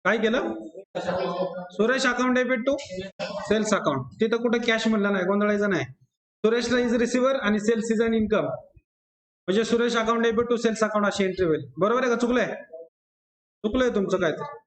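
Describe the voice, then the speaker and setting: This classroom accountancy lecture comes from a man with a Marathi accent who drills rules by repeating them and quizzes students by name. His voice sits high, his pace is moderate with frequent pauses, and the room echoes.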